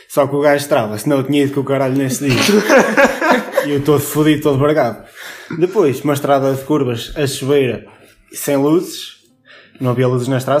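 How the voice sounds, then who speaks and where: A young man with a European Portuguese accent, telling a story in casual podcast chat, laughing often and swearing freely. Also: medium pitch. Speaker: podcast co-host.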